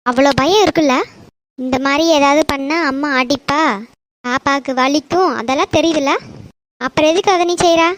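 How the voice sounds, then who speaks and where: A woman voicing a sharp, scolding young mother. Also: sits high, slight background noise, lightly acted. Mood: stern. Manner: scolding, loud, rapid questions.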